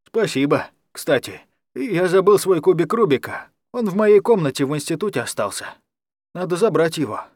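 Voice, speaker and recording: Storybook figure: a simple, trusting young man, read by a male narrator, high and strained. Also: very animated, normal speed, darkish tone, no echo, studio quality. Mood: childlike. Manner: naive, blurting, high and strained when scared.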